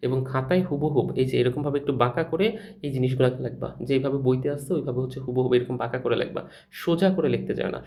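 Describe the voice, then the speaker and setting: Fast-talking man teaching a class. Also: medium pitch, a little mellow. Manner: fast, colloquial explaining, asks and answers own questions. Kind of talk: recorded lecture with slides.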